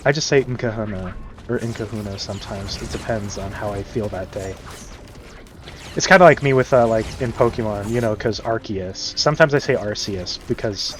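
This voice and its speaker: Man, game streamer, casual rambling chat, frequent chuckles, mid-pitched voice, game music behind. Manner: rambling, chuckles often, many fillers.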